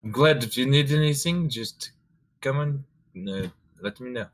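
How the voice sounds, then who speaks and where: A man's voice: medium pitch, lively intonation, measured pace, voice pushed up, low-quality recording. A man voicing a polite female ship navigator and potion maker, speaking hesitantly with many fillers. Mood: kind.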